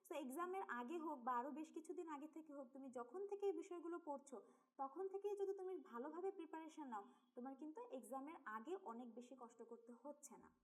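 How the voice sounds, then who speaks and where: A young woman with a high, light voice teaches English grammar in a Bangladeshi Bengali accent. She explains each point step by step and talks straight to her students. She drops English grammar terms into her Bengali as she goes. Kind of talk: explanatory online lesson.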